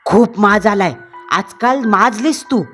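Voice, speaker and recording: A woman voicing a possessed, raging middle-aged husband who shouts harsh scolding, with faint music behind. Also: mid-range voice, a little slow, lightly acted. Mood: furious.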